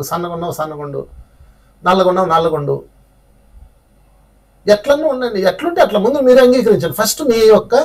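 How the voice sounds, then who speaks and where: A man's voice: high voice, darkish tone, recorded from a distance. A man teaching a spiritual class, telling stories in a conversational way and asking his listeners rhetorical questions.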